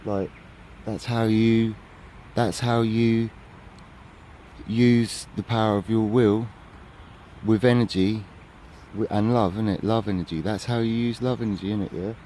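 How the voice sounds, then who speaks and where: A man's voice: on the low side, steady tone, unhurried, dark tone, a little hiss or hum. A man rambling through a spiritual vlog, filling his talk with tag questions, recorded outdoors on a handheld phone. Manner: rambling, filler-heavy, tags lines with "innit, yeah?". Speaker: vlogger. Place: outdoors in an urban area. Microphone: handheld phone camera.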